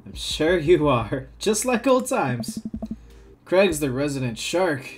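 A man hosting a gameplay video, reading a dating-sim script aloud with lively, chuckling reads of the lines. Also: fairly high pitch, slow pace, noisy background. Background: game music.

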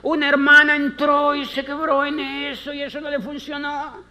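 A motivational speaker at a conference delivers a theatrical, emphatic talk, repeating phrases and acting out little scenes with big pitch swings for his characters. His own voice shows little pitch movement, though, and is bright and forceful at a normal speed.

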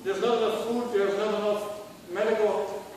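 A man's voice: high voice, little pitch movement, darkish tone, a little hiss or hum. Dutch man lecturing in an echoey hall. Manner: rhetorical questions to students, restarts and halting phrases. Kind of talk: university lecture. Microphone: far camera. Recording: echoey hall recorded from far off.

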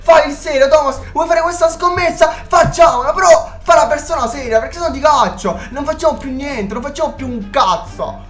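A man chatting over an online game, excitable and switching between soft talk and shouting. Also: very high-pitched, brisk, hardly any pauses, soft background music. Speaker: gamer and video host.

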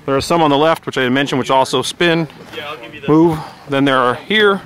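A man hosting a casual talk outdoors at a shooting range, walking through a course in a quick, animated way. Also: a little high. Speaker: host. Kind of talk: casual range chat and stage walkthrough.

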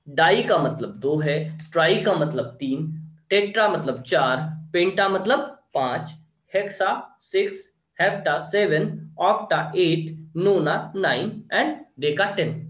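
A man lectures a class from the board, unhurried and a little high-pitched. He drills terms and keeps checking that his students follow. The room around him echoes noticeably. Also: animated, dull audio. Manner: drills terms, often asks "clear?" and "okay?". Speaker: teacher.

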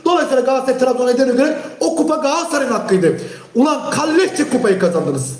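A man hosting a live stream, ranting heatedly at his chat and often shouting. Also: very high-pitched, lively intonation, fast, echoey room. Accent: Turkish. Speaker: livestream host. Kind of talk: angry live-stream rant.

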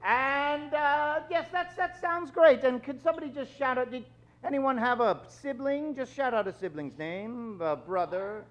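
Soft music plays behind a middle-aged host whose very high voice keeps a measured pace. Fronting a live improvised radio show on a theater stage, he uses the theatrical, courteous, somewhat hesitant patter of an old-time announcer, recorded in dull, lo-fi stage sound.

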